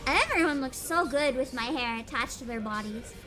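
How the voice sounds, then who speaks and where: A woman livestreamer with a cute, bubbly, giggly anime-streamer manner, chatting and reacting excitedly and often repeating her phrases. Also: high voice, moderate pace, music in the background.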